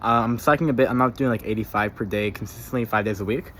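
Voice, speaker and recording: A man's voice: on the low side, quick pace, a bit bright, slight background noise. A young man keeping a casual spoken journal, rambling, swearing freely and often repeating himself or tripping over his words.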